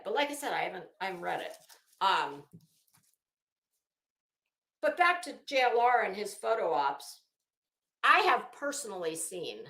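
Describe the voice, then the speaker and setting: A woman hosts online with casual, opinionated, rambling commentary, gossipy and emphatic, drawing out the words she stresses. Her voice is mid-range and a bit bright, recorded with roomy, echoing sound.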